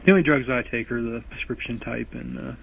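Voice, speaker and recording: Over a tinny phone voicemail with slight hiss, a caller speaks fairly quickly in a creaky, medium-pitched voice with fairly even intonation. He rambles to podcast hosts, interrupting himself, starting over and fretting anxiously about his lisp.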